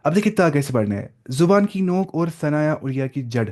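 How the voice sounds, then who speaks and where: A man's voice: on the high side, lively intonation, darkish tone. A young man teaching Quranic pronunciation in a casual lesson, explaining step by step, asking questions and demonstrating sounds.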